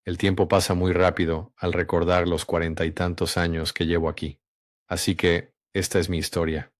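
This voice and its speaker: A man hosting a religious channel, speaking in an unhurried, measured monologue with frequent hums and pauses, then reading a story aloud. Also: sits low, little pitch movement, no echo, studio quality.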